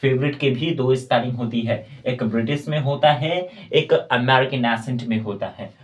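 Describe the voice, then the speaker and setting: A man giving a spoken tutorial as an English teacher, slowly spelling out words letter by letter and repeating his points. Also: medium pitch.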